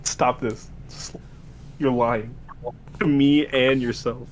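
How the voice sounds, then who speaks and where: A young man in a casual group call who argues excitedly and keeps repeating "no". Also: mid-range voice, slow, slight background noise. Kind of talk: casual heated chat.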